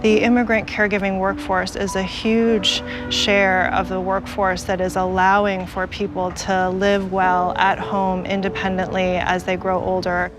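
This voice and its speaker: A woman advocate explaining things in a measured, informative way in a documentary interview. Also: mid-range voice, flat delivery, music in the background.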